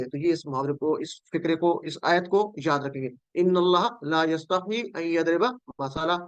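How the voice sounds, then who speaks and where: A man's voice: fairly high pitch, no echo, dull audio. A man from Pakistan teaching Quranic Arabic in an online class, patiently drilling word forms and calling on students.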